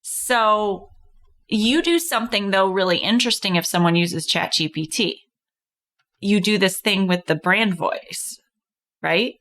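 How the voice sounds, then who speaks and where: A woman's voice: medium pitch, unhurried, fairly bright tone. A woman hosting a business coaching podcast, chatting casually and encouragingly with a guest. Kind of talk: casual interview chat.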